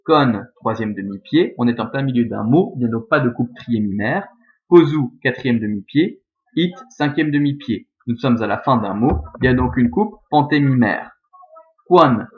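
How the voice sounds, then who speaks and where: A man's voice: medium pitch, narrow, tinny audio. A man teaching a lesson, methodically walking through the scansion of a verse step by step. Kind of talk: scanning Latin verse in a recorded lesson.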